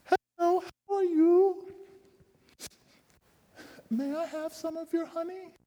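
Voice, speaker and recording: A man voicing a tiny unseen creature with a very high, squeaky voice, in a storytelling. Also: fairly even intonation, takes it slowly, mellow. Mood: sweet. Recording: long hall reverb.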